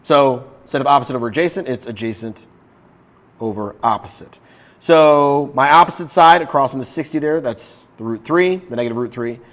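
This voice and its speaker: A man's voice: medium pitch, a little fast, fairly bright tone. A man teaching a math lesson in a casual, upbeat way, talking straight to his viewers. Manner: upbeat, chatty, talks to viewers directly.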